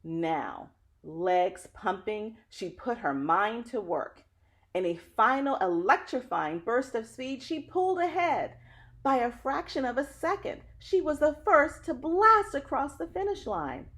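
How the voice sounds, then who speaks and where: In a fairly high, somewhat bright, sing-song voice, a woman reads a picture book a little slowly. Her reading is expressive and dramatic, sprinkled with chatty comments addressed straight to her listeners.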